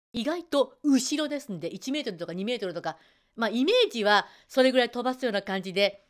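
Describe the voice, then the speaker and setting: Woman voice coach talking casually, bouncy lively pitch, bit high. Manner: chatty, acts out quoted students. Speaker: voice trainer. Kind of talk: spoken self-help talk.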